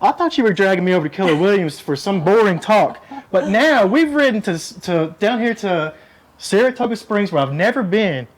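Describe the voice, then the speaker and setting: A man's voice: sits high, expressive, brisk. A man hosting a podcast, chatting casually and enthusiastically while touring a house, with jokes. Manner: enthusiastic, jokey. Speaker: podcast host. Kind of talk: casual chat on a home tour.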